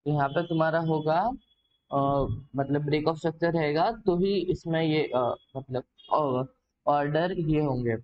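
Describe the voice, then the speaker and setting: A man's voice: on the high side, fairly even intonation, a little slow, lo-fi sound. A man explaining a trading concept from his notes in a casual lesson, hesitant and full of filler words as he talks to the viewer. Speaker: trading learner sharing notes.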